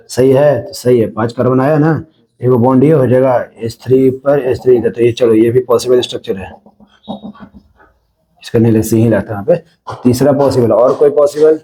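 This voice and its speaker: Mellow-voiced Indian man teaching chemistry. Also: medium pitch, rough recording. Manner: explains step by step, often checking "है ना?". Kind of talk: classroom-style lecture.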